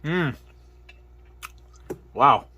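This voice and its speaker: Man reviewing food on camera, bright tense tone, dry close sound, gasping at spicy bites. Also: mid-range voice, animated, very slow, breathy edge, dry recording, highs cut off. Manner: exclaiming between bites, hiccuping from spice. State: mouth burning from spicy food. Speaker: product reviewer. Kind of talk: casual food review vlog.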